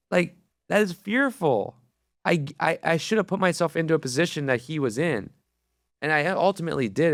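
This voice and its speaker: A man's voice: medium pitch, no room sound, studio quality. A man in his thirties hosting a solo podcast, telling a story casually with lots of "like" and restarts. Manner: rambling storytelling with many fillers. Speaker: podcast host.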